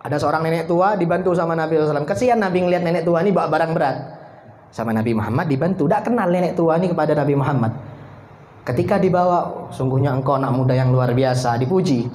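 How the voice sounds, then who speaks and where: A man preaching a sermon, telling a story with lively acted-out dialogue. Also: fairly high pitch, rapid-fire. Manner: animated, acts out the dialogue. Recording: echoey hall with faint noise.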